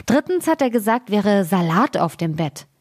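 A woman's voice: medium pitch, big pitch swings, normal speed, no echo, clean studio sound. A woman voicing a sly little peasant trickster in a storybook tale, speaking in a raised, cheerful tone.

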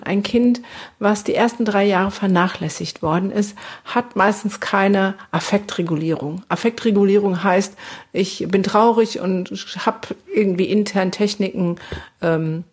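Speaking straight to the listener in an educational talk, a woman who trains trauma therapists explains with a medium-pitched, slightly rough voice. Now and then she acts out sing-song baby talk.

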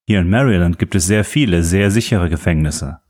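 A man playing a measured older professor. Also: low voice, a little mellow. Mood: probing. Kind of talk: audiobook reading.

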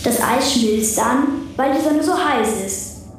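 A woman's voice: high-pitched, takes it slowly. A woman playing Pluto as a chatty, curious, childlike talking planet in a children's radio play, playful in manner. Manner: playful, chatty, addresses listeners as earthlings. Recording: echoing, distant, music bed.

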